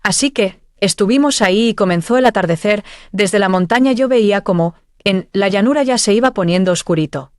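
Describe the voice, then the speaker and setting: A woman's voice: medium pitch, a little fast, no echo, studio quality. A woman telling of a dream vision at church, earnest and heartfelt. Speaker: church member giving testimony.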